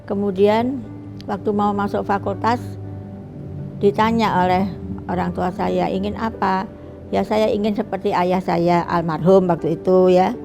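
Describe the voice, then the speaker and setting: A woman in her seventies, a retired eye doctor, recalling her life in a slow, reflective interview with many pauses. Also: mid-range voice, fairly even intonation, gravelly, music in the background. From Bali, Indonesia. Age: 70s. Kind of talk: recorded interview, personal reminiscence.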